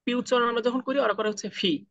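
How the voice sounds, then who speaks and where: A man teaching freelancers in an online class, asking the class questions and then answering them himself, with slow, deliberate English phrases mixed in. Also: extremely high pitch, steady tone, creaky, a bit bright, dry recording. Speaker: freelancing trainer. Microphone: video call.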